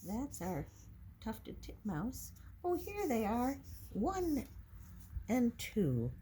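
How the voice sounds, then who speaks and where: An older woman with a fairly high, warm voice swoops wildly in pitch and draws out her words while reading a picture book to young children like a teacher. She explains things simply and counts along, in a wooden-furnished indoor classroom, recorded noisily with clicks.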